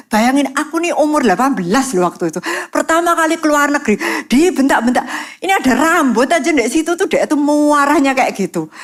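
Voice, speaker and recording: A woman with an East Javanese accent giving a personal testimony in church, telling her story in a lively way and sprinkling English phrases in. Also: high voice. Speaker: guest speaker.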